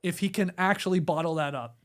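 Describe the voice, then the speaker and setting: A man hosting a casual recap chat, animated and quick to laugh, reading out listener mail. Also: high voice. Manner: animated, quick to laugh, drops into quoted voices.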